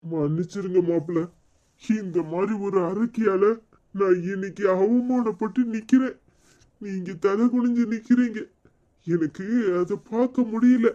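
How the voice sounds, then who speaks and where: A man's voice: high voice, measured pace, dark tone. A man voicing a grieving older father-in-law in a cartoon serial, speaking with a Tirunelveli Tamil accent in a sorrowful, pleading way. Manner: sorrowful, pleading, heavy with guilt. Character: grieving elderly father-in-law, shamed and tearful. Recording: dull lo-fi track with faint music.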